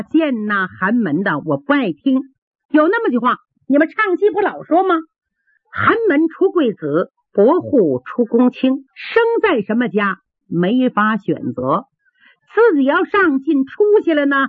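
Gracious storybook princess, put on by a woman, husky voice, tinny dry sound. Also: fairly high pitch, very animated, unhurried, no room sound. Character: proud young princess, softening and kind.

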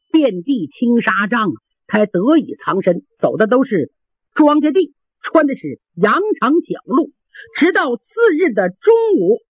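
An animated storyteller whose pitch leaps all over the place. The voice is a bit husky, and the recording is dry and phone-thin. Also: dry recording. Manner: lively, swooping delivery. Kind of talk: traditional Chinese storytelling. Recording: dry, tinny phone-like sound.

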